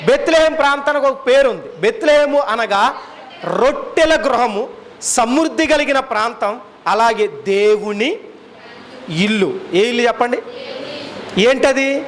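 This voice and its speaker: A man's voice: very high-pitched, expressive, a little slow, pauses often, fairly bright tone. A man preaching a sermon, putting repeated questions to his congregation. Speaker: pastor.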